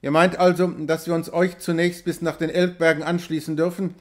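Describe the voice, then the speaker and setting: A man's voice: fairly high pitch, level tone, a little fast, close to an everyday voice. A man voicing a swindler posing as a trapper, talking eagerly and ingratiatingly.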